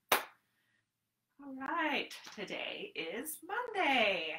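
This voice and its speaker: Speaking extremely slowly, with a high voice whose pitch swoops wildly, a woman in her thirties leads a sing-song, encouraging storytime as a librarian addressing small children. The small home room gives the webcam recording a roomy echo, and heavy background noise sits underneath.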